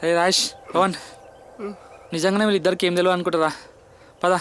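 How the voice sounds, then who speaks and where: A man's voice: sits high, level tone, quick pace, a bit bright, slight background noise. An actor playing an anxious young man urgently searching for his missing friends. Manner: urgent, agitated. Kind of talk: film acting.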